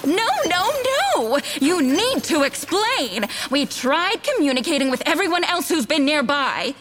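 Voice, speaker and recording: An imperious, theatrical ghost of a dinner-theater actress. Her high voice rises and falls dramatically. A long reverb trails behind her lines. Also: big pitch swings, measured pace, a bit bright, exaggerated voice. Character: dramatic female murder-mystery actor ghost, never breaks character. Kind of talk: audio drama acting.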